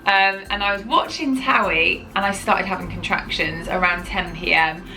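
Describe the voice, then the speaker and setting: A woman's voice: fairly low pitch, steady tone, normal speed, bright, forceful tone, faint music behind, rough recording. A woman, telling her own story to camera in a chatty, rambling way, often correcting herself. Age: 30s. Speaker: parenting vlogger.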